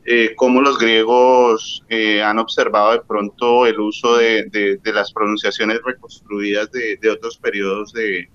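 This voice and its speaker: A man from the audience asking a teacher a halting question, on a video call. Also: on the low side, level tone, fairly bright tone. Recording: dull lo-fi video call audio.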